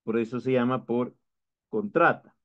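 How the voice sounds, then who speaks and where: Here a male instructor with a Peruvian Spanish accent gives a recorded lecture in a steady, unhurried, mid-range voice. He explains things one step at a time, frequently stalling and starting over, on a dull lo-fi recording.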